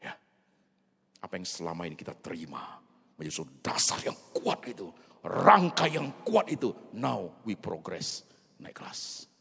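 A man preaching a sermon as a pastor, mixing in English phrases and swinging between loud bursts and soft near-whispers. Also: deep voice, expressive, normal speed, creaky, breathy edge. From Indonesia. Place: large church hall. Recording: long reverb of a large church hall.

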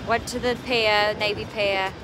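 A woman's voice: mid-range voice, steady tone, unhurried, background noise. A woman musician chatting casually to camera in a tour vlog, upbeat and talking straight to her viewers. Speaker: touring musician vlogging.

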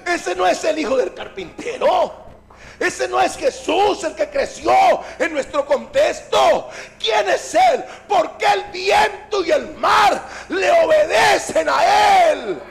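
Awestruck disciples, grown men in a small boat, as a preacher puts them on. Their questions climb in a very high, strained voice with a gravelly edge. A congregation stirs faintly behind. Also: male voice, lively intonation, slow, raised voice, some chatter behind, a little hiss or hum, exaggerated voice. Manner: rising, amazed questioning.

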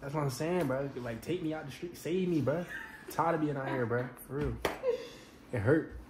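Slangy guy vlogging, low-key chat, noisy echoey room. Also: normal speed. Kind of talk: casual chat. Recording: roomy echo with loud background noise.

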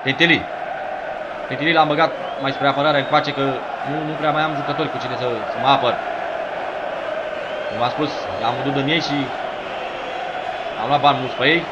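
A man commentating his own football video game match, yelling at his players and teasing them, hoarse from shouting. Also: medium pitch, fairly even intonation, long pauses, dull audio, over a noisy crowd, very noisy. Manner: yells at his players, rhymes and teases. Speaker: gameplay commentator.

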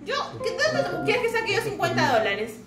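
A woman's voice: very high-pitched, wildly swooping pitch, normal speed. A young woman in a comic sketch, firmly refusing and scolding her boyfriend in a small living room. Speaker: girlfriend in sketch. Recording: echoey room, live guitar. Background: guitar playing.

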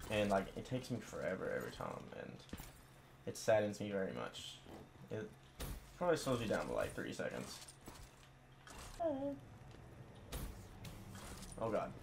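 A young man cursing his way through gameplay commentary, frustrated and bursting into loud yells. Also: fairly low pitch, creaky, noisy background. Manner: swearing, frustrated, bursts into yelling. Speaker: gamer.

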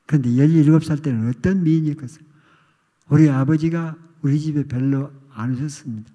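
An older male pastor giving a sermon testimony, telling a childhood story with animated, acted outcries. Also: a little high, brisk. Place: church sanctuary. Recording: long reverb of a church hall.

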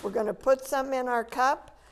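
A woman's voice: high voice, fairly even intonation, moderate pace. An older woman giving a patient, step-by-step cooking demonstration in a large demo kitchen, filmed from a distance. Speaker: extension educator.

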